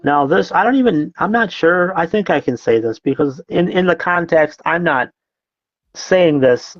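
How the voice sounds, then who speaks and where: A man's voice: fairly high pitch, animated, moderate pace, dull audio. A man hosting a casual podcast, reading out comments and mocking them with sarcastic, profane jabs. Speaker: podcast host.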